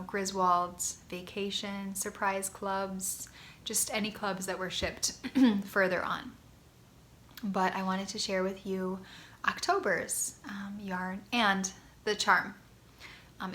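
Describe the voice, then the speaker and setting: A woman's voice: medium pitch, sharp tone. A woman hosting a knitting vlog from a guest bedroom at home, chatting casually and gushing, a little congested. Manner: enthusiastic, gushing, frequent ums. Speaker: knitting podcast host.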